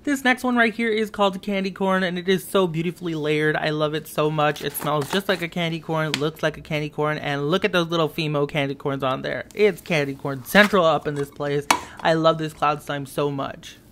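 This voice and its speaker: A man's voice: fairly high pitch, fairly even intonation, fairly quick, fairly bright tone, slight background noise. Gushing young man reviewing slime. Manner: enthusiastic, gushing, upbeat. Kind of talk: casual review voice-over. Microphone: voice-over over tabletop footage.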